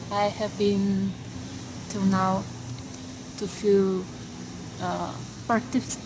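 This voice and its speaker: A woman of twenty-two, a student answering interview questions slowly, pausing often on fillers. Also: mid-range voice. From Bulgaria. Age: 20s. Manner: hesitant, many pauses and fillers. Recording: noisy background.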